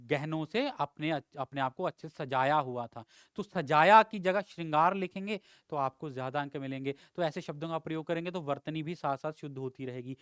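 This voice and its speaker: Male tutor, slightly high, crisp voice, dry close voice-over, patient and repetitive lesson delivery. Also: fairly bright tone, dry recording. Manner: patient, repeats each word and checks with "theek hai". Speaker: exam prep teacher. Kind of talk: spelling lesson over slides.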